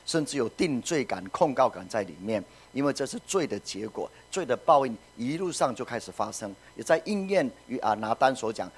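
A man preaching a sermon, animated, asking the congregation questions and using many filler sounds. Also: mid-range voice, husky.

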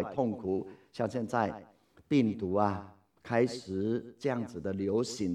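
A man teaching a Bible study in a lively way, asking his listeners questions and then answering them himself. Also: lowish voice, distant mic.

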